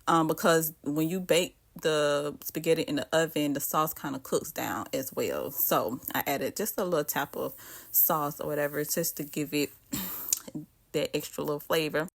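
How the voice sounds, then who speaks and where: A woman from the American South with a Southern accent and a slightly low-pitched voice. She chats casually while cooking, speaking straight to her viewers with plenty of friendly asides. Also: moderate pace. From Southern United States. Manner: chatty, talks straight to viewers with frequent asides. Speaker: cooking vlogger.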